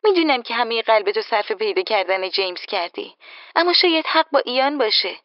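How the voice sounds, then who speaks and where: A woman's voice: on the high side, no echo, dull audio, pitched above the performer's own voice, close to an everyday voice. A woman voicing a nosy, worried young friend in an audiobook, asking insistent anxious questions. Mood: pleading. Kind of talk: audiobook character voice.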